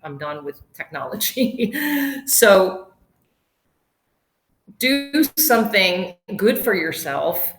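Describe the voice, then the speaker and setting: A woman's voice: medium pitch, sing-song, extremely slow, pauses often, a bit bright. Chatty middle-aged woman, roomy echo. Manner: chatty, digressive, laughs often. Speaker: yoga instructor and webinar host. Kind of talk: casual webinar talk.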